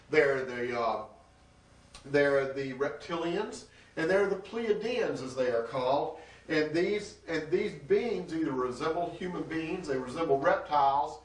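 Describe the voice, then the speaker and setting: Man talking from across an echoey room. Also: fairly high pitch. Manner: hesitant, with restarts. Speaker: interview guest. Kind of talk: casual explaining. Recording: distant, echoey room mic.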